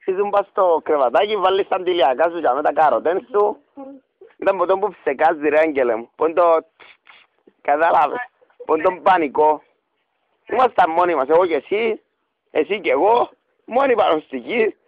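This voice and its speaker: Calling in as a radio prank, a man with a Cypriot Greek accent pleads, rambles theatrically and coos pet names. His high voice swings widely in pitch, expressive and broken by long pauses, and the radio recording sounds dry and slightly dull.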